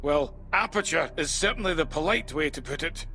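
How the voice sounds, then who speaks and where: An actor playing a suave, self-assured fantasy leader in a video game, speaking in a measured, theatrical, wry way. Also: male voice, fairly high pitch, expressive. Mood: wry, confident. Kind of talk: video game character acting. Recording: very loud music behind. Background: music.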